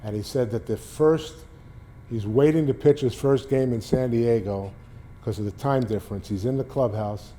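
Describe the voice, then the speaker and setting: A Boston-accented former sports beat writer in his sixties tells rambling stories to a public library audience in a casual talk, restarting many times. He speaks in a mellow mid-range voice at a moderate pace.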